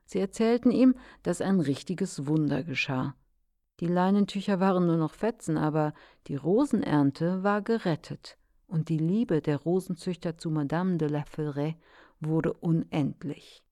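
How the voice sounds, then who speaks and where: A woman reading a story aloud in a slow, measured way. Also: low voice, mellow, no room sound, studio quality. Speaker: narrator.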